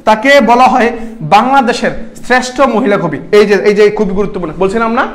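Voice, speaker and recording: High-voiced, fast-talking tutor man. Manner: quizzes students, repeats key answers. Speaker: admission exam tutor. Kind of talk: online exam-prep class.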